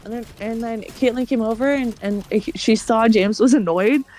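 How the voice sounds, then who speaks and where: A woman's voice: on the high side, normal speed, a little mellow. A woman streamer telling a long story in casual chat. She acts out the other people's lines and swears often.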